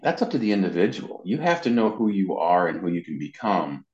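A brisk, sing-song male voice, pitched low, belongs to an interview guest who casually rambles through anecdotes about his work. He's a voice actor and web designer. The recording is roomy and dull with lo-fi sound.

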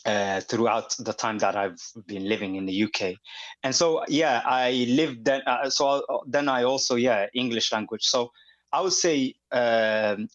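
In this conversational interview, the guest is a man from Somalia, a native Somali speaker, who talks hesitantly with many fillers and restarts. He has a mid-range voice with a steady tone and a measured pace, recorded in dull lo-fi quality.

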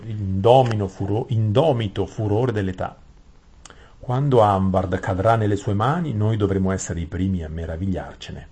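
Guy reading a cold old king, slow and grave, low husky voice. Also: warm tone. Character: old male king, cold, calculating ruler.

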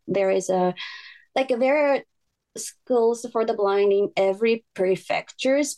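On a roughly recorded casual podcast interview, a woman from Japan in her twenties speaks English with a Japanese accent, hesitating and hunting for words. Her voice is mid-range, creaky and a little mellow.

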